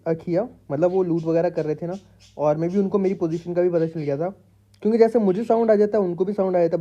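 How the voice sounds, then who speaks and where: A man's voice: a little high, mellow, dull audio. A man doing a casual, jokey gameplay voice-over for his channel at home, talking straight to his viewers. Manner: chatty, jokey, addresses viewers as public. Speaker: gaming YouTuber. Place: home room with pet parrots.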